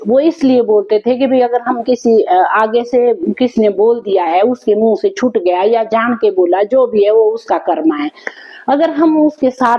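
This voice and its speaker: A woman vlogger, reminiscing to camera in an unhurried, reflective way with many thinking pauses. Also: fairly high pitch, highs cut off. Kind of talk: casual reminiscing talk to camera.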